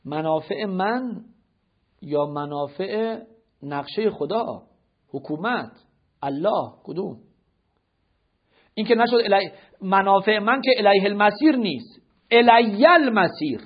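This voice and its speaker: High, husky-voiced man giving a religious lecture. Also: lively intonation, long pauses. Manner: questioning, rhetorical and didactic. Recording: dull lo-fi lecture recording.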